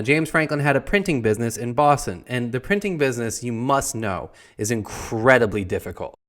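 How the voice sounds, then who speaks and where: A man's voice: medium pitch, lightly acted. A man playing a young colonial-era printer who teaches a comedic history lesson with a wry, playful manner. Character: young male founding-father printer as a jokey teacher.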